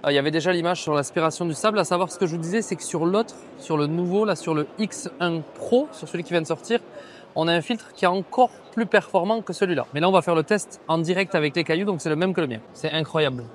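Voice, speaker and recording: A man's voice: on the high side, fast talker, a little hiss or hum. A man with a French accent vlogging from a trade fair, enthusiastic and slangy, talking straight to his viewers. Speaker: vlogger reviewing pool robots. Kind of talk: casual vlog at a trade fair. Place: large indoor trade fair hall.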